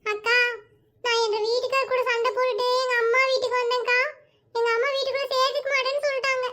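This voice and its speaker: Performer voicing an unhappy young wife, very high squeaky voice, quick, pleading, cartoon. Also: little pitch movement, bright, forceful tone. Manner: pleading, keeps calling the other woman akka. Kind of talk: animated comedy dialogue.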